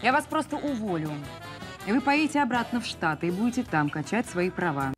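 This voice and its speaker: A woman's voice: a little high, lively intonation, natural voice. An actress playing a stern, sarcastic female boss who scolds and mocks an employee in a comedy series. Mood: mocking. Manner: mocking, sharp. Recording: series clip with loud music.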